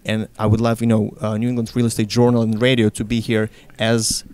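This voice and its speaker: Fast-talking man. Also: lowish voice, completely flat delivery, a little mellow, smooth. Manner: jokey, laughs between remarks, non-native phrasing. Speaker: interview guest, event organizer. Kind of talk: casual interview.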